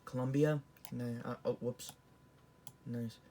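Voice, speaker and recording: This rambling teen vlogger from Canada gives casual tier-list commentary, constantly restarting and correcting himself with many false starts. He speaks slowly in a steady, dark, mid-range voice, and a little hiss or hum is audible.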